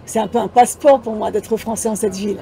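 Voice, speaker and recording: A woman's voice: mid-range voice, fairly even intonation, fast, creaky, warm tone, a little hiss or hum. A woman interviewing an author, listening attentively and affirming often. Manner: attentive, frequent affirming responses. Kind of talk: interview conversation.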